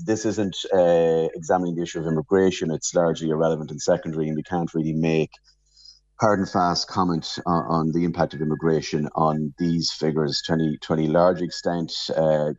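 On a remote link from his office, a man with an extremely low, slightly mellow voice and little pitch movement gives careful, hesitant commentary as a radio interview guest. He explains things in a measured way while an alarm beeps behind him, and the sound is muffled, echoey and husky.

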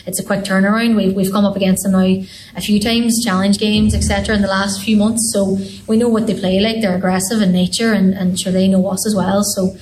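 A young woman with an Irish accent from Donegal talks as a team captain in a sports interview. Her delivery is flat and even at a medium pitch, with faint noise behind her. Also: fairly quick, low-quality recording. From Donegal, Ireland. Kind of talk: post-match interview talk.

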